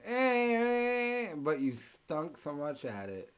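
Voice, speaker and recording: A man ranting in mocking commentary as the host, full of profanity and loud mimicking bursts. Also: a little high, huge pitch swings, extremely slow, smooth.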